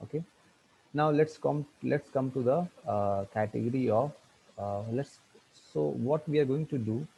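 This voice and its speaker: Male lecturer, mellow and breathy, halting online grammar class delivery. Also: mid-range voice, poor audio. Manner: halting, many fillers and restarts, spells words out letter by letter. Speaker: teacher.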